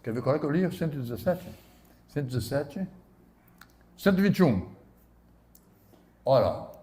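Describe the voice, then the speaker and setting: A man preaching a sermon, shifting between loud emphatic bursts and quiet low asides. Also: expressive, moderate pace. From southern Brazil. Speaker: pastor.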